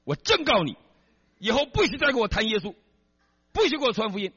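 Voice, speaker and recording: A man with a husky voice voicing a stern, indignant middle-aged wife in a dull recording. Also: a little high, very animated, a little fast, fairly bright tone, in a large hall, voice pushed up, exaggerated voice. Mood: scolding.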